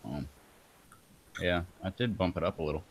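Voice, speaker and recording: A man's voice: low-pitched, moderate pace, breathy edge. A laid-back man chatting casually and laughing easily with his friends. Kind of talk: casual chat.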